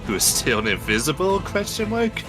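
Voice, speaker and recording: A man's voice: a little high, big pitch swings, normal speed, music in the background. A man chatting casually as a player in a tabletop game. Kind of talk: casual chat.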